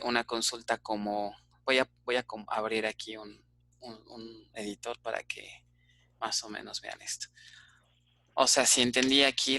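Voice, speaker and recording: A man's voice: mid-range voice, bright, forceful tone, dry recording. A man with a Mexican Spanish accent teaching an online database class, explaining step by step and checking in with frequent "ok?" fillers.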